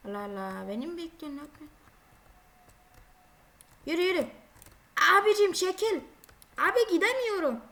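A high-pitched woman chats her way through a driving game. She talks casually and exclaims a lot, scolding the drivers who block her way. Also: fairly bright tone. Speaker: gaming video creator. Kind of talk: casual gameplay commentary.

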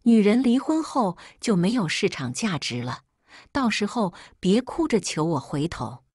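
A woman's voice: medium pitch, sing-song, a little slow, darkish tone, dry recording, studio quality. A woman voicing an arrogant, threatening young husband in a storybook reading. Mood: cold. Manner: cold, threatening, gruff.

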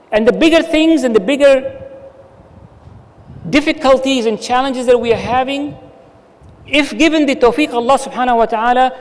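A middle-aged man delivers a Friday sermon with earnest, emphatic exhortation. His voice sits unusually high. He speaks into a stand microphone, and a long reverb trails each phrase. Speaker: preacher. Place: dark stage with curtain backdrop. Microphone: stand mic at the lectern.

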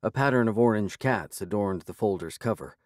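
Low-voiced male audiobook narrator. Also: expressive, brisk, dry recording, clean studio sound. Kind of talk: first-person scripted narration.

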